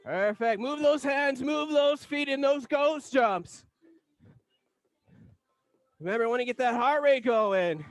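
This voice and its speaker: A man coaching a fitness class as an energetic, motivational aerobics instructor, calling out exercise cues and countdowns. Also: very high-pitched, slow, pauses often, no room sound.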